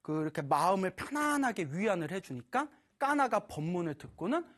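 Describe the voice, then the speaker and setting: A Buddhist preacher telling a temple story in a lively, animated way, laughing often while speaking to an audience. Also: mid-range voice, fairly quick. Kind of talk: storytelling dharma talk.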